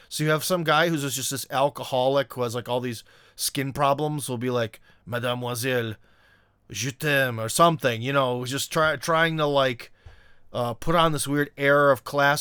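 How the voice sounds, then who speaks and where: A man's voice: fairly high pitch, a bit bright, clear, resonant tone, no room sound, clean studio sound. A man from Ohio, talking off the cuff in a casual, rambling vlog with lots of fillers and restarts. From Ohio, USA. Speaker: vlogger. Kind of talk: casual unscripted monologue.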